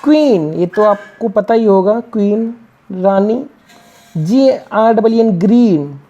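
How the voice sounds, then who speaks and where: A woman's voice: medium pitch, animated, takes it slowly, dark tone, muffled recording, faint music behind. A woman teaching English reading, spelling out words letter by letter and asking and answering her own questions. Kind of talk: classroom-style reading lesson.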